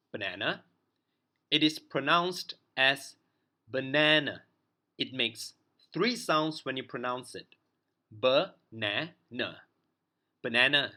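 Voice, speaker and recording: A male teacher walks learners through spelling rules at a very unhurried pace. His voice is bright and forward, and he says each example word deliberately, often twice, spelling out letters one at a time. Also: mid-range voice. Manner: spells out letters and repeats words slowly for learners. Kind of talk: slow explanatory grammar lesson.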